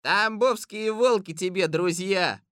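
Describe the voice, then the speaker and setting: A man voicing a boisterous crowd of campers, calling out drawn-out shouted replies. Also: sits high, clean tone, dry recording, clean studio sound, voice pushed up, exaggerated voice. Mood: rowdy. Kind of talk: audiobook character voice.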